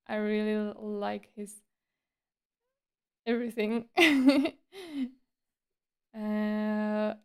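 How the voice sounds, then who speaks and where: A woman with a fairly high, clean voice chats casually to her livestream. She takes her time between phrases, keeping a playful, breezy and teasing streamer persona. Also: vocal fry, darkish tone, clean tone.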